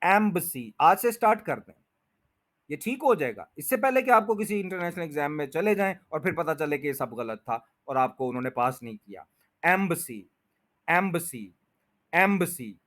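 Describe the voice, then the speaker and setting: A man's voice: on the high side, expressive, fairly quick. A man teaching English pronunciation, patiently repeating each word and stretching its syllables. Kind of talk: pronunciation lesson explained in Urdu/Hindi.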